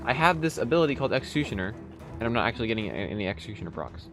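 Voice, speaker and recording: Now mid-range and sing-song, the Texan streamer rattles along rapid-fire over music. He chats loosely with his viewers during play, light accent intact and fillers everywhere.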